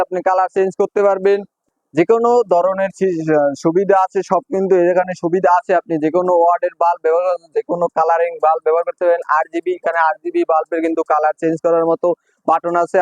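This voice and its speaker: A Bangladeshi man delivers an infomercial-style product demonstration. He talks very quickly and repeats his sales points. The recording is very dry, with a slightly dull, lo-fi sound. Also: high-pitched, a little mellow, no room sound. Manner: repetitive sales patter. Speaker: presenter for an electrical goods seller.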